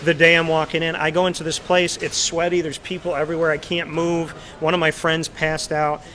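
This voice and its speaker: A man hosting a casual interview, chatty and telling stories with animated quoted asides. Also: on the high side, a little fast. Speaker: talk show host.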